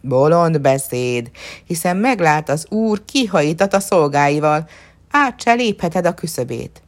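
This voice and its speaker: Doubting, scornful villagers from a storybook folk tale, spoken by a woman. They jeer in a low voice with a lively, taunting rise and fall. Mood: mocking. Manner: mocking and scornful.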